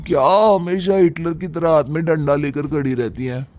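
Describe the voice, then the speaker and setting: A man's voice: a little high, normal speed, mellow, no echo, natural voice. A man voicing a lazy, whining young son-in-law who makes excuses in a cartoon. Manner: whiny, complaining.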